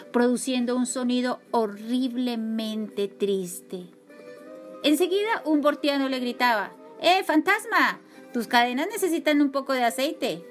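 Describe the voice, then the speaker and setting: A woman from reading a children's story aloud in an expressive, lively way. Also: a little high.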